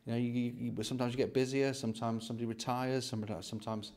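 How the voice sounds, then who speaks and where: A British man in his forties hosts a property vlog, casually explaining things to camera inside an empty house on a handheld phone held at arm's length. His medium-pitched, slightly mellow voice is flat in delivery and very fast.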